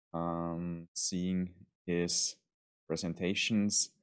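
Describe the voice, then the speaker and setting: Speaking with an Austrian accent, a man gives an online university lecture in a very low, clean-toned voice. He is measured and formal but often says um and restarts.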